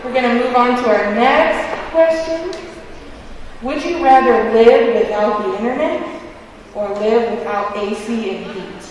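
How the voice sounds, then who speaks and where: A woman's voice: on the high side, measured pace, darkish tone. A woman giving an informal, chatty keynote speech through a face mask, playful and self-deprecating as she talks like a teacher to a group. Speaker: keynote speaker and preschool teacher. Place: large indoor gymnasium. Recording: very echoey gym, distant, faint noise.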